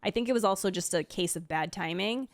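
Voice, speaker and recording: Fairly quick and mid-range, this woman's voice comes through clean studio sound with no echo. As a streamer and video host, she delivers casual, giggly reaction commentary on a ranking, gushing and enthusiastic.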